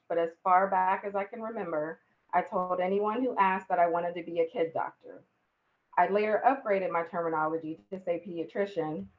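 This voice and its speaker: A woman with a low voice and an American accent delivers a prepared speech about herself on a video call. She is polite and formal, welcoming her listeners. The sound is heavily muffled and narrow, like conference-call audio. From Columbus, Ohio, United States. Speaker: hospital program manager, guest speaker. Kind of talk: prepared personal speech at an online event.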